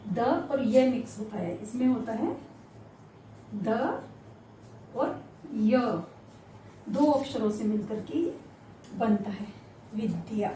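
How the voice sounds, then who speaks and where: Slow, deliberate woman teacher spelling letters. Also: fairly high pitch, mellow, a little hiss or hum. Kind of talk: Hindi grammar lesson. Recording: echoey room, mic at a distance.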